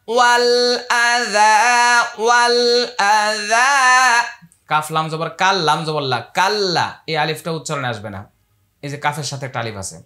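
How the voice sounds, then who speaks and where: A man teaching Quran recitation, chanting verses slowly and spelling out the rules between them. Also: a little high, pushed and bright. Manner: slow drawn-out chanting of Arabic verses, then brisk spelled-out explanation.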